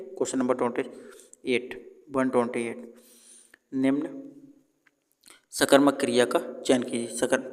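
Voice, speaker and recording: A man's voice: mid-range voice, in a large hall. A man going through exam questions in a casual lesson, thinking aloud and correcting himself as he goes. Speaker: teacher. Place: indoors, at home.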